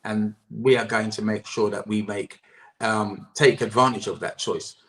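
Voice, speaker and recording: A man's voice: lowish voice, steady tone, measured pace, fairly bright tone, poor audio. A man, the chair of a political campaign group, answering interview questions earnestly over a video call, restarting his sentences and often trailing off with "et cetera".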